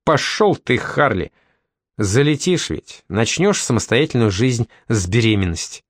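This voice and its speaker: A man's voice: mid-range voice, animated, measured pace, no room sound, studio quality, lightly acted. A man voicing a furious teenage girl who screams and curses at her brother. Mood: shrieking anger. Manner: screaming, cursing. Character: furious shrieking teenage girl, older sister.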